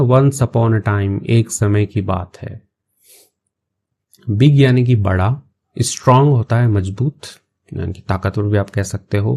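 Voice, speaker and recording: Gravelly-voiced man teaching English. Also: mid-range voice, warm tone. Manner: slow, patient word-by-word explanations. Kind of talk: explaining an English story in Hindi.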